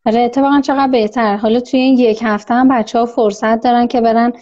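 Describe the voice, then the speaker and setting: A woman's voice: on the high side, steady tone, a little mellow. A woman co-hosting a live online class, reading comments and giving brief, agreeable replies. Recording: dull lo-fi audio, a bit off-mic.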